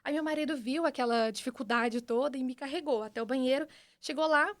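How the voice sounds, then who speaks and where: High-voiced Brazilian woman telling her story. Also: brisk. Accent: Brazilian Portuguese. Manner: earnest, animated storytelling with frequent restarts. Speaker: podcast guest. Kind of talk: personal testimony in casual conversation.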